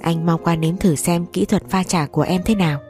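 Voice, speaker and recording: A woman's voice: on the low side, steady tone, a little fast, a little mellow, soft background music, lightly acted. Woman reading as an evasive, polite younger brother. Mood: placating. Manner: polite, placating.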